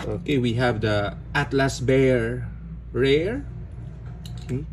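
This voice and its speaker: A man from the Philippines casually narrating an unboxing, relaxed, with frequent "okay"s and fillers. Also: mid-range voice, slow. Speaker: unboxing vlogger. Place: indoors at a table. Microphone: phone or camera filming hands overhead. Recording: home recording with audible background noise.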